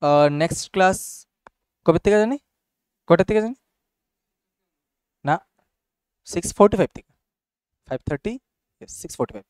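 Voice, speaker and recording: A man's voice: high-pitched, lively intonation, moderate pace, long pauses, a little mellow, dry recording, studio quality. A young man teaching a class casually and often checking whether students follow. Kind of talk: classroom biology lesson.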